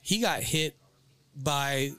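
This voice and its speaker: A man casually telling a story on a podcast, animated, swearing freely and acting out what people said. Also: fairly high pitch, extremely slow. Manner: animated, swears freely, acts out quoted lines. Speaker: podcast storyteller, bar worker.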